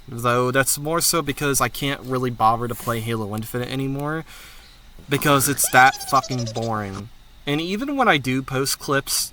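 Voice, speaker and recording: A man's voice: medium pitch, pushed and bright, a little hiss or hum. A man hosting his own channel, talking through plans in a candid, rambling monologue with frequent swearing. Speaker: channel host. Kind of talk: casual channel update monologue.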